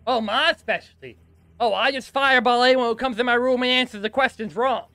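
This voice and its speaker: A man's voice: very high voice, pitched above the performer's own voice, heavily acted. A man voicing an easily offended male skeleton in a red robe, speaking with a Boston accent and firing off indignant questions. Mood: breezy. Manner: indignant, loud, rapid-fire questions.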